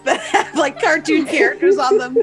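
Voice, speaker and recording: Giggly high-voiced woman player. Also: expressive, normal speed, faint music behind. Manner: giggly, theatrical, hams up lines. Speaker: tabletop game player. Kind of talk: playful in-character roleplay.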